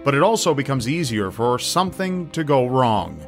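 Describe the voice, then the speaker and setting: A man's voice: medium pitch, very animated, moderate pace. A man reading scripted narration in the style of a true crime list video. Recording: music behind the voice. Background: background music.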